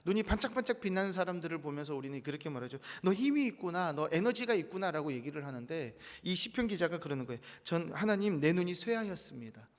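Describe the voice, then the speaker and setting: A pastor with a high, light voice delivers an earnest dawn sermon, lifting his tone when he reads scripture aloud. His words ring out with a long church reverb trailing behind each phrase. He speaks as a man leading his congregation in prayerful reflection. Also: lively intonation, quick pace, hardly any pauses. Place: church sanctuary.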